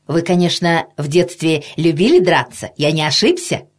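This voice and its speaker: A woman reading aloud gives voice to a kind, excitable children's doctor who bursts out in effusive exclamations. The voice is lowish and a little husky, with a lively, swooping pitch. It is a warm-hearted storybook figure rather than a deep character voice. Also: normal speed. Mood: admiring. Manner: effusive, self-reproaching exclamations.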